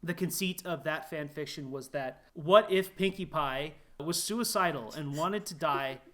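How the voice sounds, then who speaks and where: Excitable man with a bright, tense voice. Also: on the high side, measured pace. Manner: animated, laughs often, many filler words. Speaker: podcast guest, animator. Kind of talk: casual chat.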